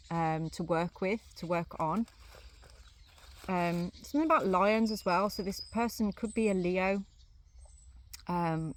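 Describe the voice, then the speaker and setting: A woman reading runes and tarot cards, thinking aloud in a casual, musing way with many pauses and fillers, chewing gum as she talks. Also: fairly low pitch, a little hiss or hum. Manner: chewing gum while talking. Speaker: rune and tarot reader. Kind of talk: casual card reading to camera. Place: outdoors on a sunny day, crickets behind.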